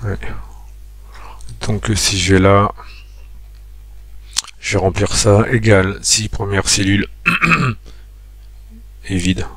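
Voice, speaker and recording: A man giving a screen-recorded spreadsheet tutorial, thinking aloud with many pauses and fillers as he talks viewers through each step. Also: lowish voice, creaky, fairly bright tone, no room sound.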